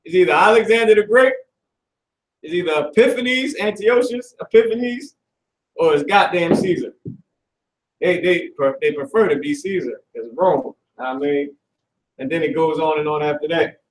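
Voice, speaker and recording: A young man teaching a live class speaks in loose, profane street talk, pushing his students with questions. His voice is on the high side at normal speed, heard from a distance in an echoey indoor classroom with a stage and banners.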